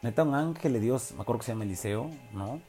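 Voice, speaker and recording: A man's voice: mid-range voice, animated, fast talker, warm tone, soft background music. A young man from Oaxaca with a Mexican Spanish accent, telling a personal story in a casual, slangy way with many fillers and tag questions.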